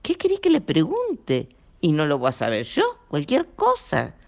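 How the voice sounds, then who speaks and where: A gravelly, distrustful country man gives short, clipped answers, as a storyteller puts him on. His pitch rises above the narrator's own. He belongs to a storybook reading. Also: wildly swooping pitch, moderate pace, darkish tone, muffled recording, full character voice. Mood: grumbling. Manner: curt, distrustful. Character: suspicious gruff rural servant man.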